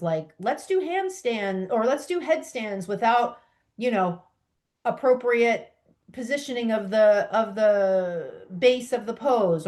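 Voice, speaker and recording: A middle-aged woman hosting a solo podcast, coaching yoga teachers in an earnest, emphatic way with many rhetorical questions to the listener. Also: fairly high pitch.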